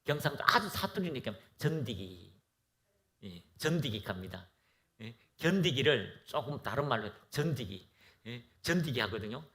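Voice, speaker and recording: A man's voice: medium pitch, lively intonation, a little fast, a bit bright. A man preaching a fervent sermon as pastor of a church, exhorting and leading the congregation to recite aloud.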